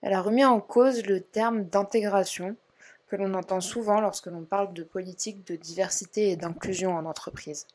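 A woman hosting a podcast, reading her scripted narration in a calm, even delivery. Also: medium pitch, normal speed. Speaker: podcast host.

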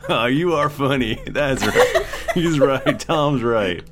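Man doing a slow stoner bro god. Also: medium pitch, heavy background noise, voice pushed up, close to an everyday voice. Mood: amused, friendly. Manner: stoner drawl full of "bro". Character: chill stoned bro god, lazy and easily amused.

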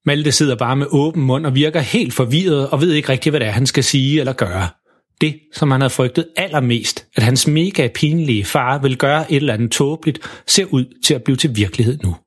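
A man narrating a children's bedtime story in a calm, even way. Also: medium pitch.

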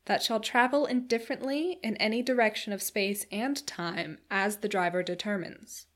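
A woman voicing a calm, earnest Victorian male inventor explaining his ideas. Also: mid-range voice, moderate pace, close to an everyday voice. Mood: reasoning.

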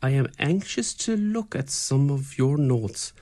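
A man voicing an eager young male scholar who is a secret spy, speaking earnestly and slowly, sometimes hushed. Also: mid-range voice, animated, voice pushed up, natural voice. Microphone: recorded online, at home.

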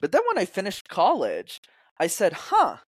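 Speaking at a normal speed, a young communication coach in his twenties keeps a casual interview lively, suddenly jumping in pitch whenever he imitates someone he's quoting. There's no echo.

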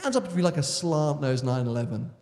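A man's voice: a little high, lively intonation, fairly quick, a little mellow. A British man chatting as the host of a live audience Q and A on stage. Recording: echoey hall, PA microphone.

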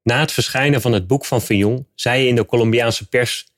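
A man narrating a scripted nonfiction account in a steady, measured reading voice. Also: medium pitch, dry recording, clean studio sound.

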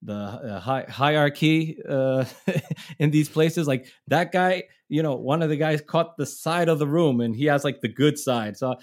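Speaking at a measured pace with a fairly high-pitched voice, a middle-aged man from Israel who tours as a musician rambles through casual stories, frequently starting over and breaking into laughter.

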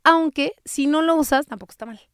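A woman's voice: sits high, fairly quick, dry recording, studio quality. A woman explaining spelling rules in a casual, patient, teacherly way, full of everyday examples. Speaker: spelling and grammar expert guest.

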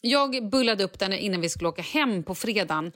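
A woman, a mother of a small child, chatting casually and telling stories with lively acted-out quotes. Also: medium pitch. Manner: animated storyteller who acts out quotes. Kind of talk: casual chat.

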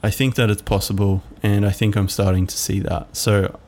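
A man hosting a reflective solo podcast, musing aloud in a halting way with many fillers. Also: fairly low pitch, level tone, a little mellow. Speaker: podcast host.

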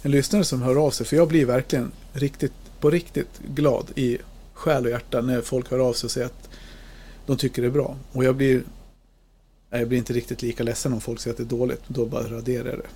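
A man's voice: medium pitch, flat delivery, dark tone, breathy edge. A man in his fifties hosting a podcast, chatting casually, joking and swearing easily. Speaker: podcast host.

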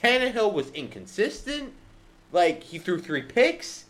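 A man's voice: sits high, big pitch swings, measured pace, a bit bright. A man co-hosting a casual sports podcast, blunt and opinionated. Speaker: podcast co-host.

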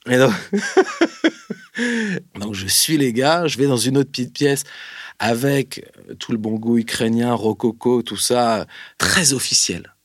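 A man's voice: mid-range voice, measured pace, no room sound. Man telling a story with many hesitations. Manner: speaks straight to the listener. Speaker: interview guest. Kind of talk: casual storytelling.

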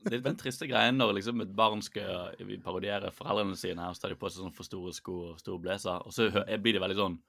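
Low gravelly guy teasing his mates, wry, dry close mic. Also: fairly even intonation, few pauses, a bit bright, no echo. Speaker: podcast co-host. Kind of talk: casual chat.

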